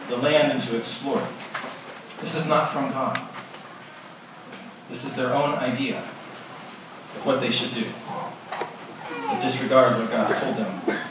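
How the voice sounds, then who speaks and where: A man preaching a sermon in a conversational way, posing rhetorical questions to his listeners. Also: medium pitch. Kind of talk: expository sermon. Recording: echoey hall, distant mic, background noise.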